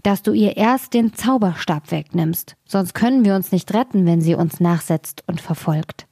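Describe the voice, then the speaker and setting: A steady young man from a storybook, giving plain, even advice in a lowish tone, read by a woman narrator. The sound is dry and close. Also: normal speed, husky, no room sound. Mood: earnest.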